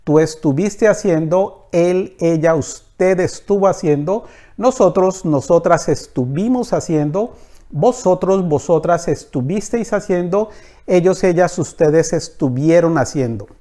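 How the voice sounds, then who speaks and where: A man teaching a language lesson, reciting verb conjugations in a slow, deliberate way. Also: fairly high pitch, mellow. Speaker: Spanish teacher.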